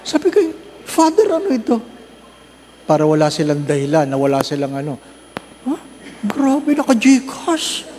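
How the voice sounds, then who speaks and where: Male priest, sermon, fairly high voice, playful rhetorical questions, long church echo. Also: mellow, slight background noise. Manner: humorous storytelling, asks the congregation rhetorical questions; slow emphatic listing of works of mercy. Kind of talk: Advent recollection sermon.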